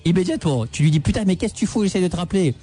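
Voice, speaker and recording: Male radio host, high-pitched and quick, slangy prank-show banter. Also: animated, over loud music.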